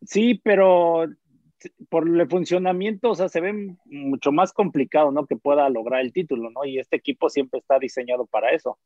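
A man's voice: a little high, normal speed, no echo, highs cut off. A man with a Mexican accent, a former player, talking football in casual chat, hesitant and full of fillers and tag questions. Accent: Mexican Spanish.

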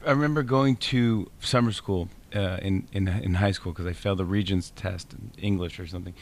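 Man, lower voice, casual podcast chat, animated storytelling, laughs a lot. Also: fairly quick, slight background noise.

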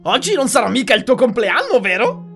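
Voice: big pitch swings, a little fast, vocal fry. A narrator voicing a sinister, mock-cheerful male hatter who coaxes a girl to keep eating, over faint music. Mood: creepy coaxing. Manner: coaxing, high and loud, mock-cheerful. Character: creepy sinister male hatter, sugary and menacing.

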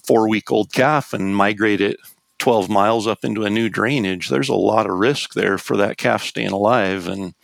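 A man with a gravelly, creaky voice on the low side, recorded dry. He gives casual outdoors advice, thoughtfully piecing it together as he talks. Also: normal speed, dry recording. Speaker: elk hunting expert.

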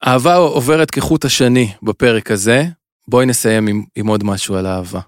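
Male podcast co-host, Israeli accent, medium pitch, casual and slightly halting with repeats, dry close recording. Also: dry recording. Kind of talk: casual chat.

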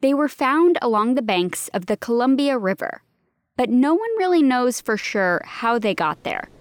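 A woman producing a podcast, reading scripted narration in a clear, informative way. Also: on the high side.

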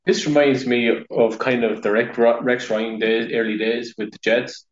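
A man's voice: medium pitch, fairly even intonation, unhurried. A man hosting a casual sports podcast, agreeing briefly with his co-host and moving the show along to each new segment. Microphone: remote call over the internet. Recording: muffled, echoey internet call audio.

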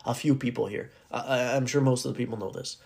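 A man speaks in a raspy voice that sounds hoarse, at a medium pitch. He is hosting a solo podcast in a casual, unscripted way. His delivery is earnest and addressed directly to the listener. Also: fairly even intonation, quick pace, a little mellow. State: hoarse, needing to clear his throat. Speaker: podcast host.

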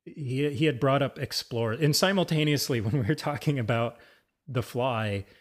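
A man's voice: mid-range voice, moderate pace. A man in a casual film discussion, talking in a hesitant, musing way with many restarts.

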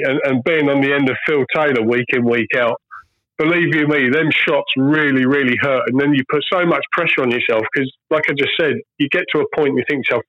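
A man's voice: fairly high pitch, no room sound. Man, ex-darts pro guest, earnest and emphatic, on a dull, dry lo-fi line. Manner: earnest, emphatic, repeats key phrases. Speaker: guest, former professional darts player. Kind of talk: casual phone-in chat.

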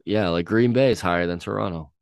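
Young male co-host, deep and resonant, halting and laid-back delivery. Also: vocal fry, dry recording. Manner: hesitant, halting, many ums and restarts. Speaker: podcast co-host. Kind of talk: casual chat reacting to songs.

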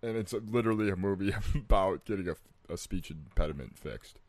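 A man's voice: deep voice, lively intonation, brisk, a little mellow, slight background noise. A man on a podcast, chatting casually and giving dry, blunt opinions. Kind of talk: casual chat.

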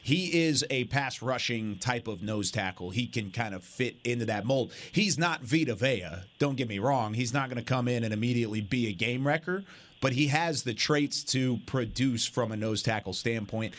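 A man's voice: medium pitch, normal speed, fairly bright tone. A man hosting a casual talk show, steadily steering the discussion. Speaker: host. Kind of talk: casual chat.

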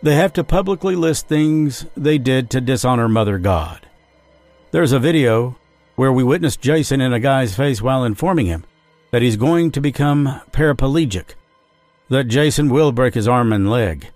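A man's voice: medium pitch, animated, a little mellow, dry recording. Man narrating a true-crime podcast. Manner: measured storytelling, reading quotes. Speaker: podcast host. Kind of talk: scripted narration. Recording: dry studio voice with faint music.

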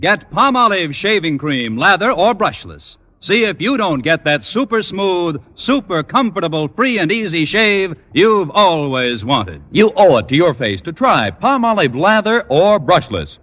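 A man announcing on an old broadcast disc in a polished 1950s radio style, with an emphatic sales pitch. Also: sing-song, a little slow, hardly any pauses, bright, forceful tone. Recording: old broadcast disc, reverberant, music behind.

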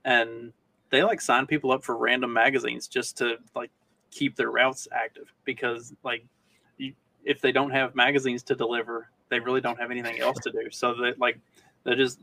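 A Kentucky man co-hosts a podcast, rambling casually and colloquially with some swearing. His medium-pitched voice is flat, bright, and forceful, with vocal fry, at normal speed, and he is recorded at a distance from the mic.

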